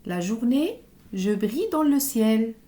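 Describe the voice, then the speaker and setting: A woman teaching a reading lesson to young children, sounding out letters and syllables slowly and deliberately. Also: on the high side, very animated, warm tone. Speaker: primary school teacher.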